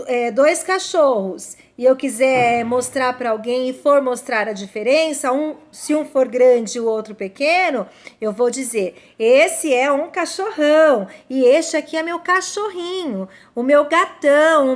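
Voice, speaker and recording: High-voiced Brazilian teacher talking to children. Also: female voice. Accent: Brazilian Portuguese. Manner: warm, slow, emphatic, often asks "né?" and "tá?". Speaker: primary school teacher. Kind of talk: remote lesson for children.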